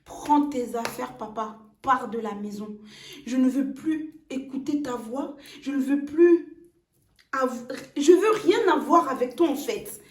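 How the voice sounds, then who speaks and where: A woman's voice: sits high, takes it slowly. A woman voicing a betrayed young fiancée accusing the man who lied to her. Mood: cold. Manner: hurt, accusing. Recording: roomy echo.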